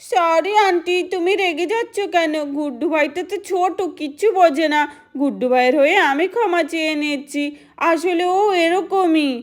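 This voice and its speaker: A woman voicing a kind, sensible village girl who talks earnestly and scolds gently. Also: extremely high pitch, moderate pace.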